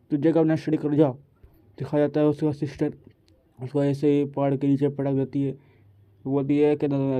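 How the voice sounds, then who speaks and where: A man's voice: medium pitch, warm tone. A man casually retelling a comic story, narrating loosely and rambling with restarts. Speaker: manhwa recap narrator.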